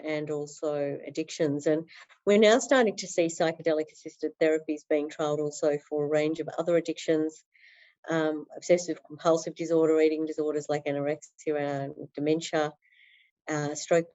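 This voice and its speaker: An Australian woman speaks earnestly as a guest on a podcast, her interview answers flowing along with plenty of fillers. Her voice is deep and mellow, and the recording has its highs cut off.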